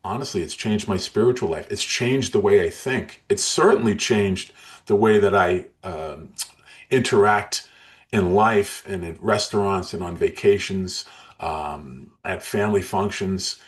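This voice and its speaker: A man in his sixties speaks as an interview guest with a very deep voice. He tells his story earnestly and emotionally, often restarting his sentences. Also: measured pace. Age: 60s.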